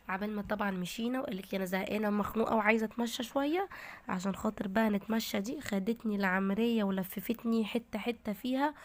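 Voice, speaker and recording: A woman with an Egyptian Arabic accent, chatting casually to her viewers in a daily vlog. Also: medium pitch. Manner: chatty, talks straight to viewers. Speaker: vlogger.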